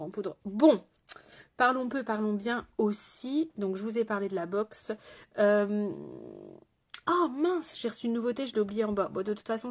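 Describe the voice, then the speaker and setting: A woman with a French accent, a makeup artist chatting casually through a live tutorial, greeting viewers and joking about herself. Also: mid-range voice. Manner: chatty, greets viewers, self-mocking asides.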